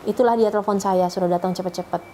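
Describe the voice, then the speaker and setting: Middle-aged woman, emotional testimony, rambling and chatty, ordinary mid pitch, faint background hum. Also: fairly even intonation, very fast, mellow, low-quality recording. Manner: chatty, rambling storytelling with restarts and fillers.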